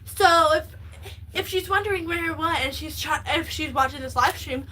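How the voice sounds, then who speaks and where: High, bright-voiced woman rambling excitedly. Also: moderate pace, a little hiss or hum, low-quality recording. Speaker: livestreamer. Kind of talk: casual livestream chat.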